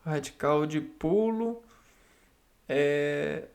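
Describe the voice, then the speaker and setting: Slow, gravelly man repeating grammar words. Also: on the high side. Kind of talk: reading and explaining spelling rules aloud.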